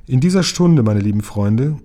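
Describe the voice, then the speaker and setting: A man reading a children's story aloud, voicing a wise, dignified emperor who speaks slowly in a ceremonial tone. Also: medium pitch, lively intonation, dark tone, natural voice. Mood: solemn. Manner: solemn, ceremonial, slow.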